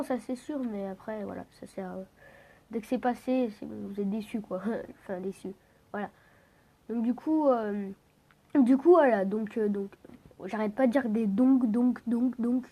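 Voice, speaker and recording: This gaming vlogger is a teen girl whose mellow, somewhat high voice comes partly through her nose because of a head cold. Chatting loosely while she plays, she keeps using fillers and starting her sentences over.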